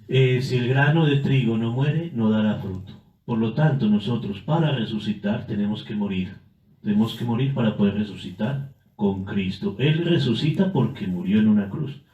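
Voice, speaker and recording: A man, a priest guest, explaining church doctrine in a measured way. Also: fairly low pitch, warm tone. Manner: measured, with frequent filler tags and restarts. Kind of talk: catechetical explanation. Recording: echoey, dull-sounding room.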